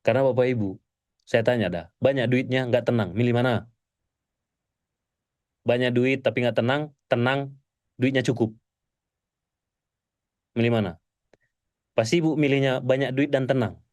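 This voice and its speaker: A male preacher giving a mosque sermon to a congregation, animated and pleading, swinging between loud exclamations and soft murmurs. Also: mid-range voice, normal speed, long pauses, no echo, studio quality.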